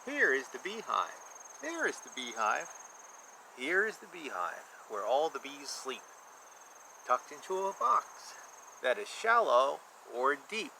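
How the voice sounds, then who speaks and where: Beside a beehive in his backyard, a man in his fifties reads a picture book aloud, adding explanatory asides for young children. His slightly high voice is lively and swings up and down, a little slow, simple, emphatic, and repetitive. A camera about arm's length away picks up clear background noise and insect chirps.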